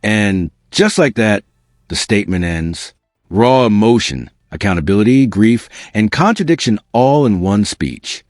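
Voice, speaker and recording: A man's voice: fairly low pitch, expressive, unhurried, darkish tone, dry recording, clean studio sound, faint music behind. A man giving scripted, dramatic legal commentary to viewers.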